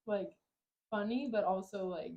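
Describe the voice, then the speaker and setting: A young woman co-hosting a podcast, chiming in with quick reactions and jokes in casual chat. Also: medium pitch, muffled recording, crowd noise. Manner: reactive, quick interjections and laughs. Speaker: podcast co-host.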